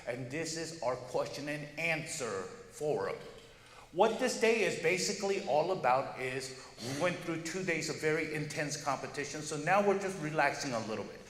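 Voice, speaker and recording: A man's voice: fairly high pitch, animated, moderate pace, fairly bright tone. A man hosting a forum, addressing the audience informally in an emphatic, chatty way. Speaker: festival director and forum host. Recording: echoey hall, long reverb, background noise.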